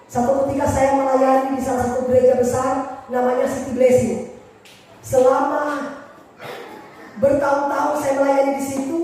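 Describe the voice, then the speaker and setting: High-voiced woman preaching in an echoey hall. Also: distant mic, slight background noise. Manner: animated, emphatic, storytelling. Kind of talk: sermon.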